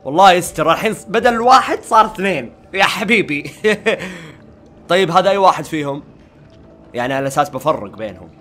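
A man giving excitable, panicky let's-play commentary as a gaming channel host, talking back to the game's characters. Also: on the high side, quick pace.

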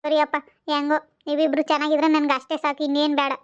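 A sarcastic older village mother with a high, level voice, played by a woman. She grumbles in a sing-song, wry way but cares deeply. The recording sounds a little dull and lo-fi. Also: monotone, fast talker, lightly acted. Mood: teasing. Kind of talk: amateur family skit.

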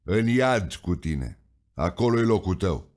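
A man's voice: deep voice, sing-song, darkish tone. A man voicing an irritable old saint at heaven's gate who snaps out scolding questions.

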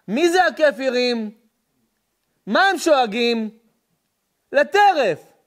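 Rabbi preaching, very high voice, swings wildly in pitch, asks and answers his own questions. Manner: rhetorical questions answered himself, lively and emphatic. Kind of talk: sermon lesson.

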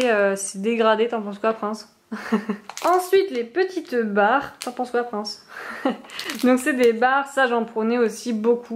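A woman's voice: a little high, slight background noise. A young woman chatting casually through a shopping haul vlog at home, with many fillers and small laughs. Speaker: vlogger. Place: at home, moving to the kitchen.

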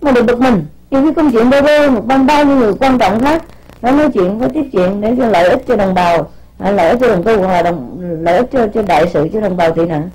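A woman's voice: a little high, fast talker, darkish tone, husky, poor audio. A woman spiritual teacher giving an informal sermon to her disciples. She scolds, repeats words while searching for them, and keeps asking rhetorical questions.

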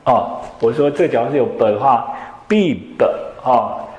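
A male English teacher, lecturing a classroom and quizzing students with quick questions. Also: medium pitch, animated, a little mellow. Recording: echoey classroom.

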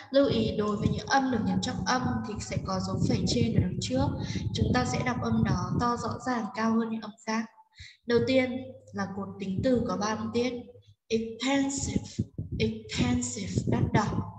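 A woman teacher with a Vietnamese accent walks through textbook words, reading each English word and then explaining it in Vietnamese. Her voice sits a little high. The recording is roomy, with a long echo and clear hiss behind it. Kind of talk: bilingual textbook lesson. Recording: echoey room with noise.

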